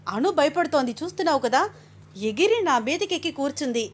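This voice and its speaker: A woman voicing a playful young man who talks in a casual, teasing way without lowering her voice. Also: animated, a little fast.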